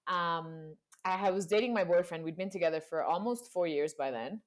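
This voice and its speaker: Young woman guest from panama and colombia, kinda low voice, rambling story with lots of "like". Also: moderate pace. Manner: storytelling, acts out quoted voices, many "like" fillers. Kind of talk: casual chat.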